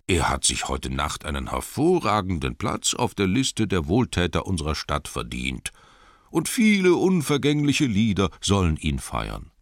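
A pompous, scheming older mayor who speaks in loud, ringing oratory, put on by a male audiobook reader. The voice climbs high above the reader's own register and swings widely in pitch. The dry, close recording keeps every word sharp and up front. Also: huge pitch swings, measured pace, no room sound, exaggerated voice. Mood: indignant. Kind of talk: audiobook reading.

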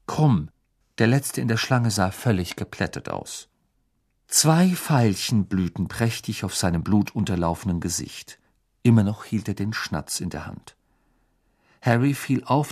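A man reading a fantasy novel aloud as an audiobook narrator. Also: lowish voice. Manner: expressive storytelling. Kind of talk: scripted narration.

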